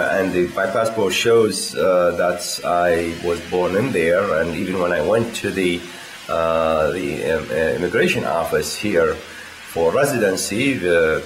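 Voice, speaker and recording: A man from Iraq, talking in a casual video diary, halting and full of filler sounds. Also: low voice, slight background noise. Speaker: vlogger.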